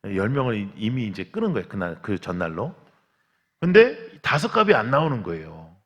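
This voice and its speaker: A man preaching a revival sermon as pastor, telling stories with lively acted-out quotes and cries. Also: lowish voice, normal speed, breathy edge, muffled recording. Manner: animated storytelling, acts out quotes and cries. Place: large church sanctuary. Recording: long church hall reverb.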